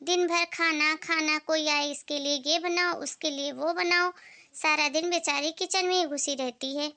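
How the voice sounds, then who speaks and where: A woman's voice: high-pitched, fairly even intonation, normal speed, sharp tone. A woman voicing a middle-aged mother who dotes on her daughter and bosses her son's wife, in a dramatized moral story. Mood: gossiping. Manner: scolding, bossy toward the daughter-in-law. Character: doting, scheming middle-aged mother-in-law.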